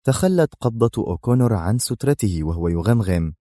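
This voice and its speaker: A man narrating a spy thriller audiobook in a measured, dramatic way. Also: lowish voice, lively intonation, dark tone, no echo, clean studio sound.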